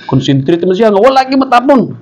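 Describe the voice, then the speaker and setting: A middle-aged pastor delivers a lively sermon in a fairly high voice. He moves between quiet asides and loud, excited exclaims, and tells stories with laughter. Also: brisk, rough recording. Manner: animated preaching mixing Tagalog and English, storytelling with laughs.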